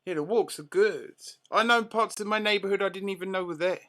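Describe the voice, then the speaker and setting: A man's voice: high-pitched, brisk, a bit bright. A man hosting an open mic live stream with playful, jokey, teasing banter.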